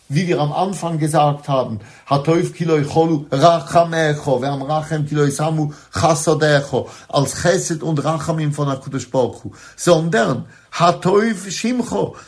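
Emphatic man giving a religious lecture. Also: on the high side. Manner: emphatic, repeats key phrases, slows down to stress words. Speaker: religious teacher.

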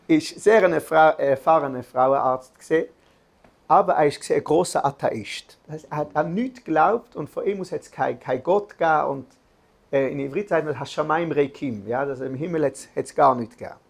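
A man's voice: on the high side, moderate pace, vocal fry. A man giving an earnest religious lesson, telling a story with restarts and filler sounds.

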